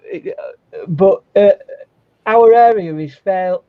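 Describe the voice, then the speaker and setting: A man's voice: sits high, slow pace, narrow, tinny audio. A man from England chatting casually and joking on a live painting stream, often stumbling and restarting his sentences. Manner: jokey, stammering restarts. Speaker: guest artist.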